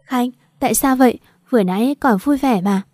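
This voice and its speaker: A woman voicing a scheming, desperate young wife with a shrill, pleading manner, recorded dry and close. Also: fairly quick, mellow, no room sound, close to an everyday voice.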